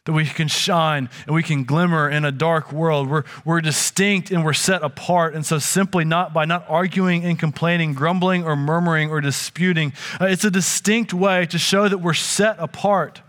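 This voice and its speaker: A man's voice: a little high, steady tone, normal speed, few pauses, a bit bright. A man preaching a sermon, earnest and conversational, often restarting his phrases. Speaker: pastor. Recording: long hall reverb.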